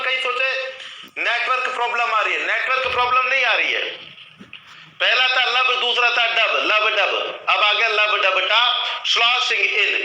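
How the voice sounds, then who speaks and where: A man's voice: very high voice, sharp tone, roomy sound, low-quality recording. A man teaching a live online nursing class, who keeps asking his students questions and then answering them himself, and calls them children.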